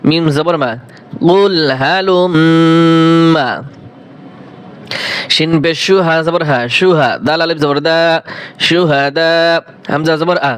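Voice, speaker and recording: A man teaching Quran reading, spelling out each syllable slowly and deliberately and reciting verses in a drawn-out chant. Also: fairly high pitch, steady tone, fairly bright tone, clean tone.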